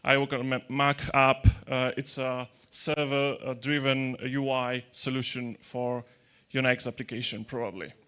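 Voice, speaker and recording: A man presents at a tech conference, speaking into a handheld microphone in a large, dim hall with an audience. His medium-pitched voice is level, clear, resonant, bright and forceful at a normal speed, while his manner is chatty and joking, with faltering restarts and non-native grammar.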